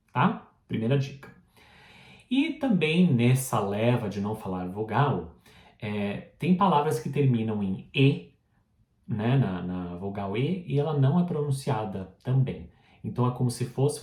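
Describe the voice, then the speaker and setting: A man's voice: medium pitch, a little mellow. A man with a Brazilian Portuguese accent teaching English pronunciation, patiently modeling words and asking the listener to repeat after him. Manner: frequent checking tag questions. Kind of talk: online pronunciation lesson. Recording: roomy echo.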